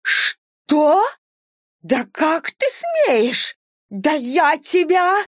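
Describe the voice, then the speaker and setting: Женщина в роли визгливой напористой немолодой соседки, для аудиокниги. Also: female voice, sing-song, slow pace, fairly bright tone, dry recording, studio quality, heavily acted. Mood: contemptuous shrieking. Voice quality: shrill, squealing. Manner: screeching, accusatory. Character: shrill pushy older woman neighbor.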